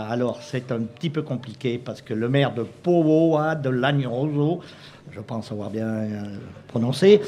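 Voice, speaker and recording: A man in a mid-pitched voice answers as a guest mayor. He talks politely, with many hesitations, and breaks into laughs between points. The manner is casual and good-humoured. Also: mellow, slight background noise. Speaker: mayor, guest on a comedy talk show. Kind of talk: casual on-air interview.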